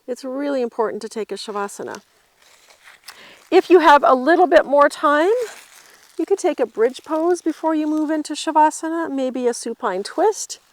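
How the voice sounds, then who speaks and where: A woman yoga instructor gently talking a class through poses as she does them herself. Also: high-pitched, expressive, normal speed, no echo. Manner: gentle cueing while demonstrating the poses herself.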